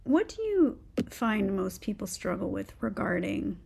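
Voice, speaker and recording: Gravelly-voiced woman podcast host. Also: medium pitch, very animated, a little slow, a little mellow, slight background noise. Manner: scripted, clear questions. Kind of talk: podcast interview.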